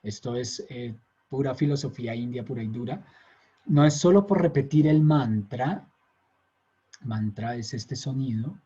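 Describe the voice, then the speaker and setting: A man's voice: mid-range voice, measured pace, mellow, breathy edge. A man giving a conversational lecture, often checking in with his listeners. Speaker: teacher. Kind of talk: recorded lecture. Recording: dull lo-fi lecture recording.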